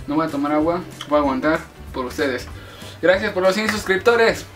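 A man's voice: a little high, expressive, normal speed, a bit bright. Teen guy hosting, mouth burning from spicy food. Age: late teens. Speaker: host of challenge video. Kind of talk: casual challenge vlog chat. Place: small bedroom, camera across the room. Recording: off-mic room sound, music behind.

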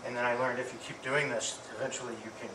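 In a medium-sized hall before an audience, a middle-aged family member delivers an affectionate eulogy in a medium-pitched, level voice. Halting, he pauses and repeats himself. The mic is distant, so the sound is roomy, with clear background noise.

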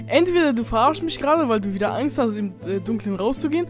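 A man's voice: extremely high pitch, lively intonation, fast talker, music in the background. A man playing a laid-back young friend who talks in slang, in a casual game role-play. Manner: slangy and chatty, says "fresh" and "Bro".

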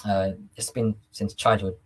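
A man's voice: fairly low pitch, flat delivery, a little slow, slightly rough. A young man answering interview questions in a conversational way, often repeating and restarting his words. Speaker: interview guest, devotional singer. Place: small room indoors on a video call.

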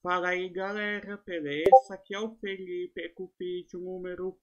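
A man's voice: sits high, flat delivery, normal speed, fairly bright tone, lo-fi sound, soft background music. A man with a Brazilian accent giving casual commentary as host of a flight simulator video.

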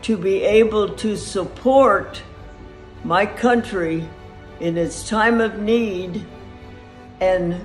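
A woman's voice: mid-range voice, very slow, long pauses, faint music behind. An elderly woman in her nineties sincerely recounting how she went to work in a shipyard. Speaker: interviewee, former shipyard worker. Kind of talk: personal testimony.

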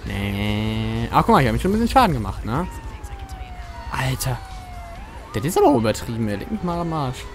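Joking German male streamer at mid pitch, chatty and crude, faint game music underneath. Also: sing-song, brisk, pauses often. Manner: chatty, joking, swears freely, talks to chat. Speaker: gaming streamer. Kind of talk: casual let's-play commentary.

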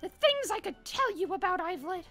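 A woman's voice: very high-pitched, very animated, normal speed, sharp tone, faint music behind, voice pushed up, heavily acted. Woman doing a spooky, dramatic game villager. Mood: ominous. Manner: theatrical, dramatic warnings. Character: jittery villager warning children of a wolf. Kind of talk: fan voice-over of a game.

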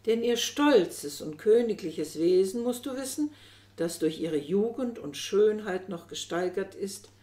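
A woman's voice: mid-range voice, expressive, unhurried, mellow, lightly acted. A woman voicing an effusive, scheming old chambermaid who talks insistently, in a roomy recording. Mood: gushing. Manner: gushing, insistent. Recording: roomy echo.

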